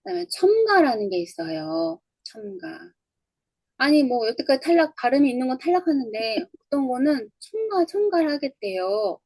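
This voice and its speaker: Woman, English teacher, patient drill-style explainer, gravelly and a touch high, dry close mic. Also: big pitch swings, normal speed, darkish tone, no room sound, low-quality recording. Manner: explains step by step, repeats words for drilling. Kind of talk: online lecture on English phonology.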